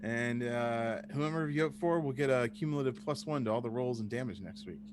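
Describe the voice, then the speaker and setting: A man runs a tabletop game as game master, narrating the story to players. His voice sits at a middle pitch. A clear hum runs through the recording. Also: fairly quick.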